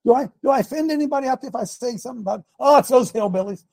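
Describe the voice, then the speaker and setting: Gravelly older man preaching with emphatic questions. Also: extremely high pitch, very fast, darkish tone, dry recording. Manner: emphatic, repeats lines, fires rhetorical questions; clears his throat often. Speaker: show host. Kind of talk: preachy commentary.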